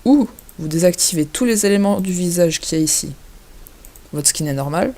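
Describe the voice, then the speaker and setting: A man giving a casual, hesitant software tutorial over a screen recording, filling his pauses with little interjections. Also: sits high, animated. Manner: hesitant, chatty, fills pauses with "hop" and "voilà".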